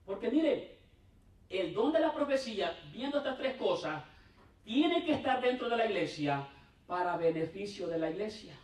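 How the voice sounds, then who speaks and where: A male pastor delivers a sermon in an echoing church hall, heard from some distance. His voice sits a bit high for a man. He talks to the congregation directly and swings from raised, emphatic lines to hushed ones. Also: sing-song, moderate pace. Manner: conversational preaching, often calling out to the congregation.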